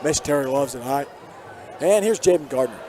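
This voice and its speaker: A young American man calling a high school basketball game play by play, excitable and shouting at the big plays. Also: fairly quick. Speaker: play-by-play announcer. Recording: loud crowd and gym noise behind.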